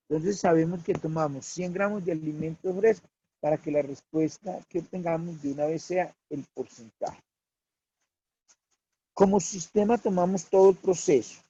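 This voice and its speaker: A man teaching a worked problem as a lecture, slow and deliberate, repeating key figures. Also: fairly high pitch, darkish tone, slightly rough, dull audio.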